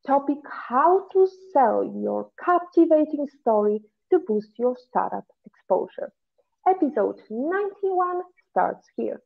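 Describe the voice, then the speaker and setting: A woman's voice: high-pitched, sing-song, unhurried, vocal fry. A woman hosting a podcast, reading a scripted introduction and then interviewing a guest in an earnest, emphatic way. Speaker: podcast host. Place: home office in Malta. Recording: tinny phone-like line.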